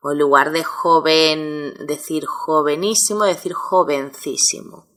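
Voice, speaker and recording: A woman's voice: deep voice, measured pace, fairly bright tone. A woman teaching a grammar lesson, explaining step by step with many examples. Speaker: Spanish teacher.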